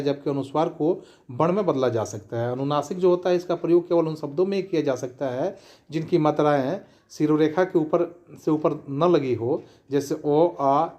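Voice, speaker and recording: A man gives a grammar lesson in a slightly higher voice. He explains rules in measured, formal phrasing. Between the rules he reads out example words slowly, one by one. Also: a little mellow, dull audio. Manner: reads out word lists slowly, one word at a time. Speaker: Hindi grammar teacher. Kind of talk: classroom-style grammar lesson.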